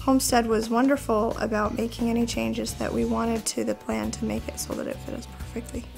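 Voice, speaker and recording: A woman talks conversationally as a satisfied customer. Her voice is creaky and fairly even in pitch, with faint music underneath. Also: fairly quick. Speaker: customer giving testimonial. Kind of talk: conversational testimonial.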